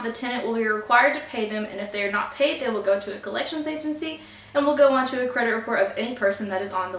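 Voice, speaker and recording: A woman's voice: a little high, a bit bright. A young woman vlogger telling a storytime about her landlord and reading out emails in an earnest, upset but polite way. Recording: echoey room.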